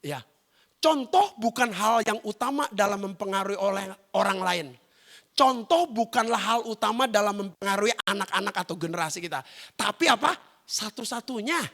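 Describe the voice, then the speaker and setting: Male pastor, middle-aged, sermon, very high voice, bright tone, husky edge. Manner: animated, acts out family scenes; often addresses the congregation directly. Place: church service.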